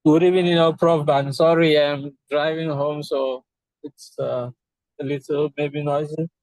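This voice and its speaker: Man on a car speakerphone, flat. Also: on the high side, a little slow, dry recording, poor audio. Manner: apologetic, polite. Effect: calling in on a car speakerphone while driving. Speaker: instructor. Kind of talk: online class greeting. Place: car, driving.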